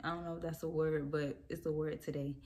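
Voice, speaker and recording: Low-voiced young woman telling a story. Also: little pitch movement, a little fast, darkish tone. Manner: loose, rambling, with many fillers and laughs. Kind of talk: casual storytime.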